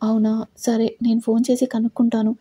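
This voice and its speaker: A woman's voice: a little high, monotone, a little fast, mellow, husky. A woman voicing a polite, anxious young wife and mother in a family story.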